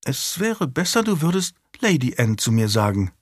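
A man's voice: mid-range voice, big pitch swings, moderate pace, no room sound. A man voicing a curious, precocious five-year-old noble girl in an audiobook, with a dry close sound. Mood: prim. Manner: prim and precocious.

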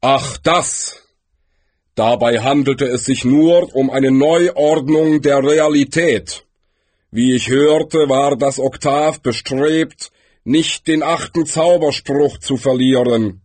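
A man voicing Death as a calm, weary, unhurried figure in an audiobook. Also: medium pitch, slightly rough, no room sound, pitched above the performer's own voice.

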